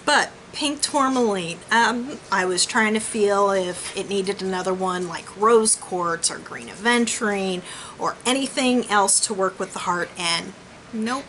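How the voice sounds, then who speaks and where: A woman's voice: medium pitch, fairly bright tone, low-quality recording. A woman giving a casual, conversational spiritual healing reading, thinking aloud and trailing off into asides. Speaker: crystal and chakra healer giving a personal reading. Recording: clear background noise.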